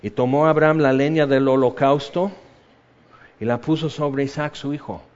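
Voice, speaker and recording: A man's voice: medium pitch, steady tone, moderate pace. Passionate male preacher, dull lo-fi sound. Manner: passionate, shifts between loud emphasis and soft hushed tones; reads scripture then acts out quoted voices. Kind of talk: sermon.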